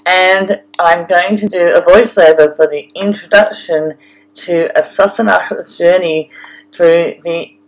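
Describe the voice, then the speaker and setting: A woman with an Australian accent reading a scripted audio-guide narration in a deliberate way, addressing the listener directly. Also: on the low side, steady tone, poor audio. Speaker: photographer and travel guide narrator.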